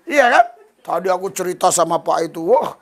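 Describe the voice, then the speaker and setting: Acting out prayers in playful voices and laughing often, a male pastor gives a lively sermon to his church congregation. His voice is high-pitched and his pace fairly quick.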